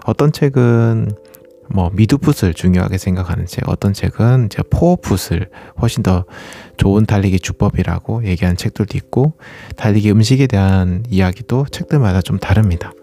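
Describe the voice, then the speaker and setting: A warm, gravelly voice on the lower side comes from the man who hosts this running channel, delivered at a normal speed. He keeps things relaxed and polite, walking listeners through explanations and putting questions to them.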